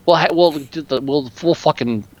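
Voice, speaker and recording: With a slightly high voice at normal speed, a man co-hosts a podcast and rants about film, casual, opinionated, exasperated and full of swearing. No room sound is audible.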